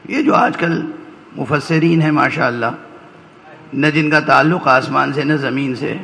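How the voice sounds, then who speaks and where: A man's voice: fairly high pitch, gravelly, fairly bright tone, a little hiss or hum, rough recording. A man giving a religious lecture to a gathering, explaining step by step and checking in with listeners through short rhetorical questions. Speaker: religious scholar addressing a majlis.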